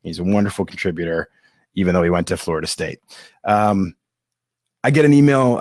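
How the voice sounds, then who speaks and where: A man's voice: sits low, a little mellow, no echo, clean studio sound. A male podcast host answering live audience questions in a candid, self-deprecating, rambling way. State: coughing and hiccuping at times. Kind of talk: live-streamed casual Q&A.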